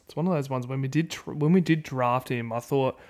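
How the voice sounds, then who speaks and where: A man's voice: medium pitch, fairly quick, a little mellow. An Australian man co-hosting a casual football podcast in a wooden shed, rambling along in a colloquial, conversational way. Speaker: sports podcast co-host.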